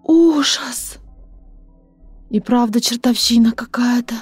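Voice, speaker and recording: A woman playing a nervous female dispatcher who answers in slow, shaky replies over a police-style radio link. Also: on the high side, darkish tone, breathy edge, dry recording, soft background music, exaggerated voice. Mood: shaken. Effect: police-style radio transmission.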